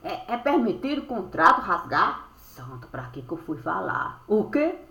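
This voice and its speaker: A woman telling a spiritual story as a monologue, in rhyming, sing-song phrases that end on drawn-out verbs, recorded on a webcam. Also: mid-range voice, big pitch swings, creaky, bright, forceful tone. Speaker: storyteller recounting a spiritual experience. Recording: echoey room.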